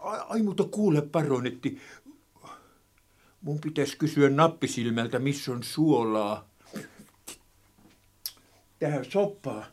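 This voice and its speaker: A man's voice: medium pitch, long pauses, lightly acted. A man voicing a kindly, fumbling man in a children's radio play, stammering through hesitant restarts. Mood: homely. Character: kindly, fumbling man cooking fish soup.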